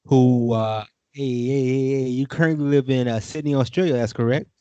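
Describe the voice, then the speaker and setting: A man's voice: mid-range voice, steady tone, moderate pace, dark tone, smooth, no echo, highs cut off. A man hosting a podcast, interviewing a guest in a curious, upbeat way and often repeating himself. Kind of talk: casual interview.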